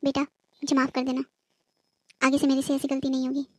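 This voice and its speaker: Woman doing a bossy high-voiced mother-in-law. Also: completely flat delivery, a little fast, no echo, close to an everyday voice, low-quality recording. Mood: remorseful. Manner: bossy and loud, then apologetic. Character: proud, scolding middle-aged mother-in-law who turns remorseful. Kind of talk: cartoon voice acting.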